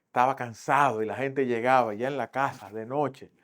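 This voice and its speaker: A male pastor with a Dominican accent, preaching a Sunday school sermon and acting out the voices he quotes, swinging from loud to hushed. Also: mid-range voice, steady tone, normal speed. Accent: Dominican Spanish. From Dominican Republic.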